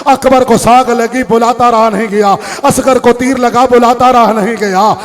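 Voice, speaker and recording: High-pitched lamenting male preacher. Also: steady tone. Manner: lamenting, drawn-out chanted delivery. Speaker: Shia cleric giving a mourning sermon. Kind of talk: impassioned mourning sermon. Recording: long reverb of a large hall.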